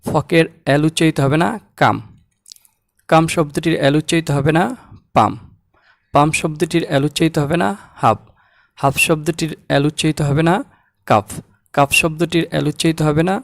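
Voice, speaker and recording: A man teaching English pronunciation, saying example words slowly and repeating them. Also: a little high, flat delivery, no echo, clean studio sound. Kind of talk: slow, deliberate language lesson.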